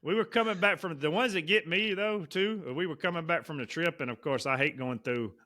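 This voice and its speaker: Bright rambling man telling stories. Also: a little high, a little fast. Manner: rambling storyteller, Southern turns of phrase. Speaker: podcast co-host. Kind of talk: casual chat.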